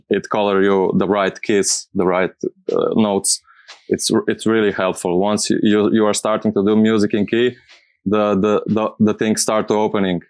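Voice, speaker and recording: A man who speaks English as a second language, giving casual interview answers and searching for his words in a halting way. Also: on the low side, clean tone, no echo. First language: not English. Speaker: music producer being interviewed.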